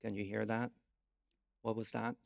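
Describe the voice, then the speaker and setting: A native Cantonese speaker with a Cantonese accent, this man is a neuroscience professor giving an academic guest lecture in a conference hall, explaining ideas while checking in with his audience. His voice is on the low side and gravelly, with a level tone and normal pace, plus a slight hiss or hum.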